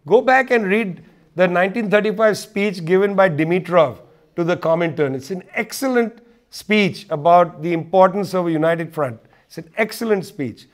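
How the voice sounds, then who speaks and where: A man's voice: high-pitched, moderate pace. A man speaking as an interview guest in a political discussion, emphatic and wry, driving points home by repeating them. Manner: wry, sarcastic asides.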